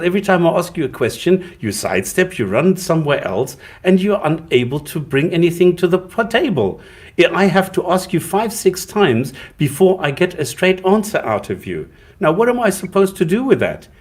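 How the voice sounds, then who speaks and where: A man's voice: fairly high pitch, breathy edge. Blunt, exasperated man arguing. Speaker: co-host. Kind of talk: heated debate.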